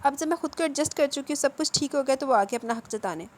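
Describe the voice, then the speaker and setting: A woman's voice: sits high, expressive, voice pushed up. A woman reading the lines of a proud, wounded young heroine who argues back sharply. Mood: defiant hurt.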